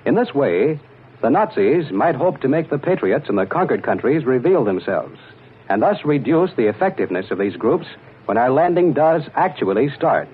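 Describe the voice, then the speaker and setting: Husky 1940s radio newsman on a tinny broadcast. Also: mid-range voice, big pitch swings. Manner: measured, formal announcer delivery. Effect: old 1940s radio broadcast, played from archive. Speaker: radio news reporter. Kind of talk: formal wartime radio news bulletin. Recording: tinny narrow-band archival radio recording.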